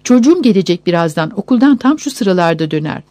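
Woman doing an anxious, quick-tempered mother. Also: fairly low pitch, big pitch swings, mellow, no echo. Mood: frightened. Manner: raised, exclaiming delivery.

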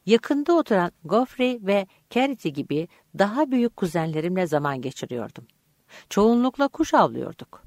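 A woman reading an audiobook chapter aloud in calm, measured scripted narration. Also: on the low side, no room sound, studio quality.

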